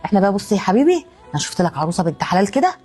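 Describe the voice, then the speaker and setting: A woman playing a scheming middle-aged mother-in-law who talks smoothly and dismissively. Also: mid-range voice, big pitch swings, very fast, dark tone, soft background music.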